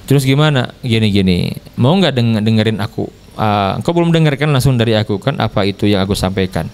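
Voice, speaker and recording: Calm, coaxing young male preacher, voiced by a man, lively pitch. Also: brisk, clear, resonant tone. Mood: persuasive. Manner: easygoing, coaxing, chatty.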